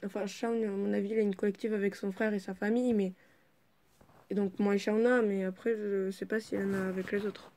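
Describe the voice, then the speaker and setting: A woman reading a fan fiction aloud at home in a casual way, often stopping to comment, swear and shout excitedly. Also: medium pitch, brisk, a little hiss or hum. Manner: excitable, swears freely, breaks off to joke and shout.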